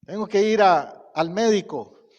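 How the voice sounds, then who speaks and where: A middle-aged pastor delivers his sermon at a slow, deliberate pace, swelling into emphatic recitations of scripture. His voice sits a little high for a man, and it carries a long reverb from the church hall around him. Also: a little mellow, highs cut off. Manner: slow, deliberate pacing with pauses. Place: church sanctuary.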